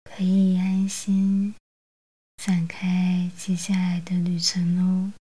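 A woman narrating a guided bedtime relaxation like a sleep story narrator, in a soothing, hushed, breathy near-whisper with long pauses. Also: on the low side, monotone. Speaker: host of a bedtime relaxation show.

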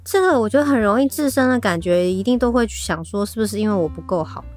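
Animated woman storyteller. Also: medium pitch, fast talker, soft background music. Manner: animated storytelling, often laughing. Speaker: podcast co-host. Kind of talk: casual chat.

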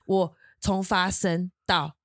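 A young woman, co-hosting a podcast, telling a personal story in an animated way and breaking into high laughing bursts. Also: slow pace, no room sound, clean studio sound. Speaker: podcast co-host. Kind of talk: casual storytelling chat.

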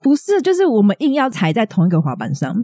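A woman, co-hosting a podcast and telling a childhood story in casual, animated chat with frequent laughter. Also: mid-range voice, quick pace, slightly rough, no room sound, studio quality. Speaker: podcast co-host.

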